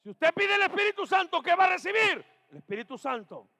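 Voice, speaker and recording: A man with a very high, ringing voice, preaching as pastor to his congregation. He swings between hushed murmurs and shouted calls, echoing key phrases back. The sound carries a long reverb from the church hall. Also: sing-song, fairly quick. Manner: acts out doubting churchgoers' questions; repeats key phrases for emphasis. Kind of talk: Pentecostal sermon. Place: church sanctuary.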